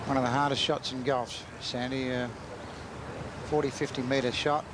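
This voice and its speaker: A man's voice: medium pitch, little pitch movement, moderate pace. A man giving live golf commentary as part of a broadcast team. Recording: loud outdoor noise behind voice.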